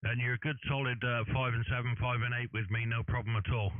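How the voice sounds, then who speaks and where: A man's voice: medium pitch, level tone, fast, no echo, narrow, tinny audio. A man hosting a ham radio chat over a two-way radio, polite and chatty in a hesitant way. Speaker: amateur radio live-stream host. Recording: dry, thin radio-band audio.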